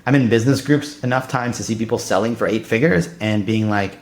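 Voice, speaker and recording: Fast-talking man in his thirties, low voice. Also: a little hiss or hum. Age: 30s. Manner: fast, loose, filler-heavy talk with many restarts. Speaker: podcast guest. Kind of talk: casual conversation.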